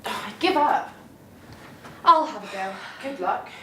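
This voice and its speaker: A woman's voice: on the high side, expressive, slow, sharp tone, slight background noise, exaggerated voice. A woman acting a pushy, blunt teenage girl doing a friend's makeup, heard from a far camera in an echoey room. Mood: bossy.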